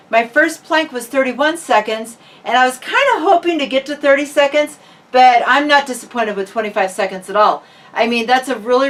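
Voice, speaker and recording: A woman's voice: on the high side, fairly bright tone. A woman talking casually and informally, like a fitness vlogger chatting to viewers. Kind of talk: casual vlog chat. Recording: distant microphone.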